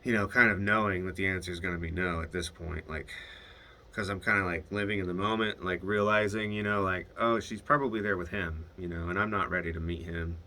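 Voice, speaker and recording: A man's voice: low voice, steady tone, brisk, sharp tone. A young man telling a video diary about a hard phone call, hesitant and swearing when upset. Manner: retells phone calls, quoting both sides. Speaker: video diarist. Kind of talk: casual confessional monologue.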